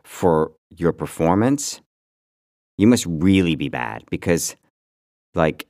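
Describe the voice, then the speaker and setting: A man chatting casually and comedically as a podcast co-host, halting and rambling with repeated words, swearing freely, and pronouncing his R's like W's. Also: deep voice, very animated, darkish tone, no room sound, clean studio sound. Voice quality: can't pronounce R's, says them like W. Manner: profane.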